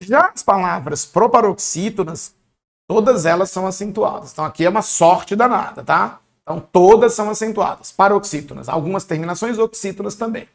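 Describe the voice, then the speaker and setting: A man teaching an online exam-prep lesson, speaking in a lively, colloquial and encouraging way and often checking in with his students. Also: high-pitched, a little fast, gravelly.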